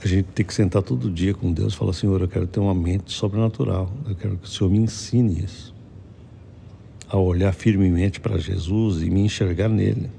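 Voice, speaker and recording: Pastor, male, deep gravelly voice, mellow tone, chatty preaching style with a faint hiss behind. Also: steady tone, brisk. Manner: conversational preaching, often asks "entende?". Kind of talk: devotional sermon.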